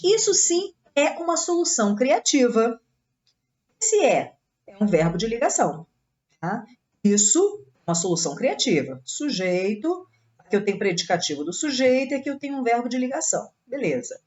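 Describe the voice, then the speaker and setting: A Brazilian woman runs an exam-prep grammar lesson, walking through each answer step by step and checking in with her students. Her voice sits fairly high and swoops up and down with plenty of life. The recording sounds a little dull and lo-fi. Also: big pitch swings, normal speed, a little mellow. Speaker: Portuguese teacher.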